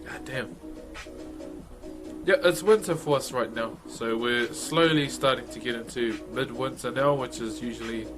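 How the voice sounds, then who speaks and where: A man's voice: mid-range voice, normal speed, music in the background. Laid-back man with a broad Kiwi accent. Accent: broad New Zealand. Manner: laid-back, slangy, often addressing viewers as brother. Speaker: live streamer. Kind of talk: casual livestream chat with viewers.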